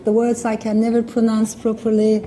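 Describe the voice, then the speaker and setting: A woman from Turkey, a guest speaker, talks in English with a Turkish accent, it being her second language; she is earnest and thoughtful and restarts in small ways. Her voice is high-leaning and warm but monotone and brisk. The audio is poor, with slight background noise.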